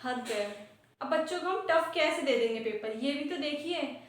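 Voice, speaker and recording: A woman's voice: animated, moderate pace. A woman playing a weary female schoolteacher who chats and complains about her workload. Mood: complaining. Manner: chatty, complaining, sighs into low trailing remarks. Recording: very echoey room.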